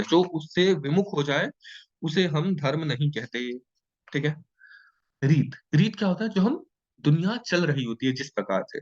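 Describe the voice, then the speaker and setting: Male teacher, online lecture, lively, joking, frequent check-ins, dull recording. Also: fairly high pitch. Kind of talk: online exam-prep class lecture. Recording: dull lo-fi sound.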